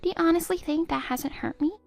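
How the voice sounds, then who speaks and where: A woman's voice: very high-pitched, quick pace, gravelly, darkish tone, dry recording, faint music behind. A woman voicing a spiteful stepdaughter in her twenties who sneers and cuts down her stepmother. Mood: scornful. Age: 20s. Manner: sneering, cutting, contemptuous. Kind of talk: text-story voice acting.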